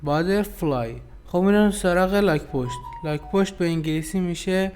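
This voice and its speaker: A young adult man with a somewhat high voice leads a casual beginner English lesson. He reads words aloud slowly and carefully, pausing and restarting as he sounds them out. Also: steady tone, a little mellow, clean tone, faint music behind. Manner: slow, deliberate pronunciation of English words with hesitations. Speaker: English teacher.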